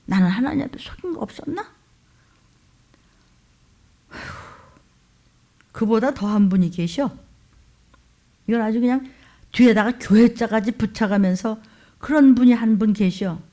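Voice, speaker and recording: A woman pastor preaching a fiery sermon, scolding her listeners with sharp rhetorical questions. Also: on the high side, unhurried, long pauses.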